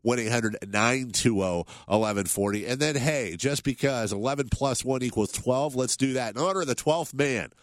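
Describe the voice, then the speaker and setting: A man's voice: mid-range voice, moderate pace, hardly any pauses, no room sound, clean studio sound. A man hosting a sports radio show, talking in a casual, opinionated way, his voice nasal from a cold. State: has a cold.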